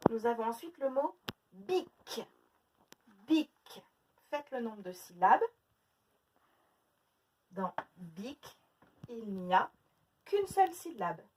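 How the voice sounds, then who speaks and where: A woman teacher giving a phonics lesson to young children, stretching out each syllable and repeating words slowly. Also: fairly high pitch, sing-song, darkish tone, far from the mic, slight background noise.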